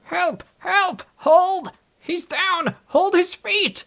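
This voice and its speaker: A man reading a novel aloud, voicing a desperate male doctor who shouts orders during a struggle. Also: sits high, lively intonation, slow pace, gravelly, pitched above the performer's own voice, heavily acted. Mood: frantic shouting. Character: a frantic male doctor in a brawl.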